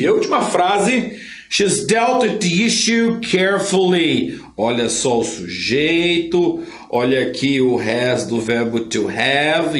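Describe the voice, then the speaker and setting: A man's voice: mid-range voice, echoey room. A man with a Brazilian Portuguese accent teaching an online English lesson. He talks emphatically, drills phrases by repetition and pushes learners to work hard.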